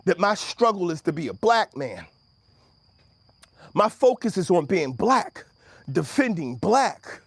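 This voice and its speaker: Recorded with no room sound, this high-pitched man from Washington, D.C., in his fifties, hosts a motivational talk show. His American delivery is preacherly and emphatic, repeating phrases and asking rhetorical questions.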